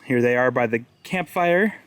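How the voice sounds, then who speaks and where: A man's voice: medium pitch, lively intonation, moderate pace, fairly bright tone. A young American man narrating a casual outdoor vlog in a chatty, explanatory way. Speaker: vlog host. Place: outdoors on park trails and at a campground.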